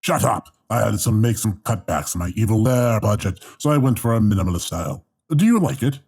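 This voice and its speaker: A man voicing a pompous, short-tempered, bungling mad-scientist villain in a gravelly, raspy, theatrical voice. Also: lowish voice, lively intonation, a little fast, a little mellow. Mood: indignant.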